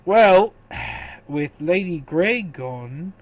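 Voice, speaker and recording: A flustered noble father stumbles through his words in a tabletop game, played by a man. He speaks slowly, in hesitant halting starts. His voice sits a little high for a man. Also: lively intonation, no room sound, heavily acted.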